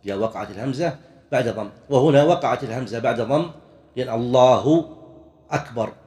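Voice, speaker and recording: A man teaching a religious lesson in a measured, explanatory way, pausing to demonstrate correct and wrong pronunciations and sometimes restarting a phrase. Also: mid-range voice, lively intonation, a little mellow, big-room sound. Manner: occasionally clears throat, restarts phrases. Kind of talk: classroom lecture on worship rules.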